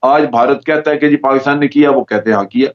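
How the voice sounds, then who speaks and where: A man with a Pakistani Urdu accent, a judge giving measured, explanatory answers as a guest on a TV current-affairs program. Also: medium pitch. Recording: slightly dull lo-fi audio.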